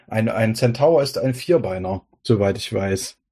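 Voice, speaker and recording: A man's voice: lowish voice, measured pace. A man joking around as a tabletop player, his microphone clipping and overdriven. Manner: laughing, animated, joking. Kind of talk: casual game chat.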